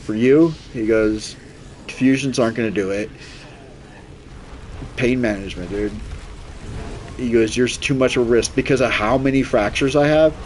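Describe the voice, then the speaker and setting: A man in his forties with an average-pitched voice chats loosely as he streams a game. He rambles from story to story in an informal, blunt way, quoting people as he goes. There is noticeable background noise behind him. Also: moderate pace, long pauses. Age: 40s. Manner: rambling, animated retelling with quoted dialogue and swearing. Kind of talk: casual chat while playing a video game.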